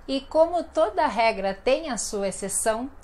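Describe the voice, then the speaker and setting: A woman with a Brazilian Portuguese accent, teaching an online language lesson in a chatty, playful way and drawing out example words slowly. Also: fairly high pitch, animated, darkish tone.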